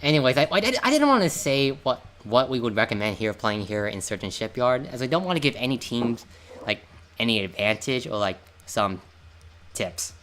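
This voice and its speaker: A man's voice: mid-range voice, animated, normal speed, a bit bright, slight background noise. A man casually commentating a game match over a voice call, chatty and stumbling over restarts. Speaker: caster.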